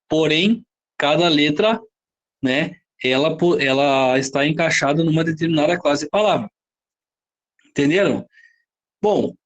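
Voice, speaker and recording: Brazilian male teacher, high register, lecturing style, constantly checks the class with quick questions. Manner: explains with frequent rhetorical questions and "tá?" checks. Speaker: Portuguese teacher.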